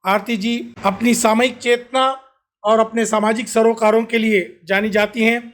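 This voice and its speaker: A man with a fairly high voice introduces the next poet at a literary event. He speaks in a formal, courteous way. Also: fairly bright tone. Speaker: host.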